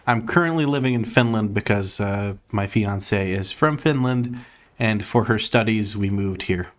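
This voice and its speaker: A man's voice: on the low side, unhurried. A man from Croatia with an American accent, chatting casually on a live gaming stream, reading chat aloud, laughing often and swearing offhandedly.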